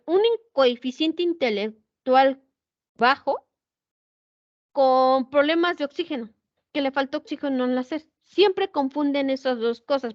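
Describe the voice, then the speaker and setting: Woman, pedagogy teacher; animated lecture full of rhetorical questions; high-pitched, muffled lo-fi sound. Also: dry recording. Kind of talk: lecture with anecdotes. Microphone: video call setup. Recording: dull, dry lo-fi sound.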